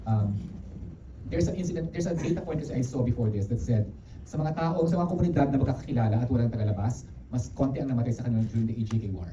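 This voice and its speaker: A Filipino-accented middle-aged man fields press questions as a director, talking extremely fast and switching between Filipino and English. He sounds distant in a roomy hall, with clear background noise and a dull, lo-fi sound. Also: mid-range voice. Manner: rapid, animated, mixing English into Filipino, many restarts. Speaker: film director. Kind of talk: press conference answers. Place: media conference room.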